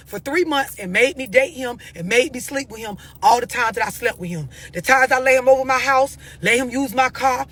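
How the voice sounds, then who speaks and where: This high-pitched, fairly bright voice belongs to an American woman hosting a live stream for her followers. She gives unscripted, blunt relationship advice, confronting people emphatically and pushing her questions hard.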